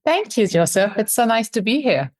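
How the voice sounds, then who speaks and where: A woman's voice: fairly high pitch, very animated, moderate pace. A woman in her thirties from Pakistan, an admissions consultant answering interview questions in a friendly, reflective way.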